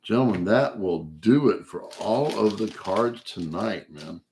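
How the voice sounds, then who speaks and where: A man's voice: lowish voice, lively intonation, measured pace, darkish tone, a little hiss or hum. A man hosting a live card break, talking casually with many fillers, losing his voice after a long stream.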